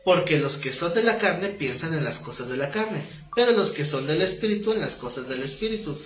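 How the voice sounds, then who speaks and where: A man teaching a Bible study class, keeping it conversational and quizzing his students with quick questions. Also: a little high, lively intonation, a bit bright, a little hiss or hum. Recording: roomy echoing classroom.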